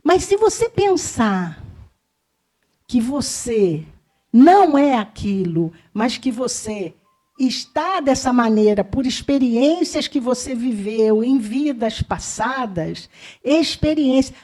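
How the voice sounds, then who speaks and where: Brazilian woman, high-pitched, middle-aged, spiritist lecturer, conversational, acts out quotes. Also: a little mellow. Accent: Brazilian Portuguese. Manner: conversational, acts out quoted voices, asks the audience. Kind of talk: spiritist talk. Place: lecture hall.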